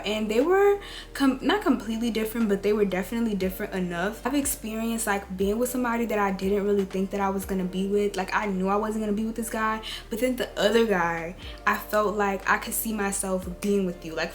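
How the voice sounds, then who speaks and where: A beauty and lifestyle vlogger in her 20s, hoarse from a cold, gives casual girl-talk advice in a raspy, rough, mid-range voice. She's chatty and direct, calling her viewers "y'all" and "girl."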